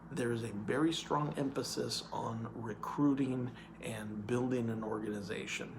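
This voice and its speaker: Male hiring manager, gravelly tone, earnest, repetitive explainer; noisy background. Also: medium pitch. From California. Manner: earnest, repeats points with "okay?". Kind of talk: explainer video monologue.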